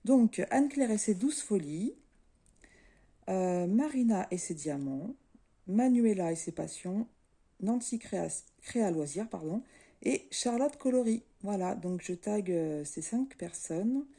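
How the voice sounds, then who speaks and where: A middle-aged woman from France, a craft vlogger chatting casually to her viewers in a relaxed, easygoing way with many fillers. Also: mid-range voice, a little slow, breathy edge. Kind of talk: casual chat to camera.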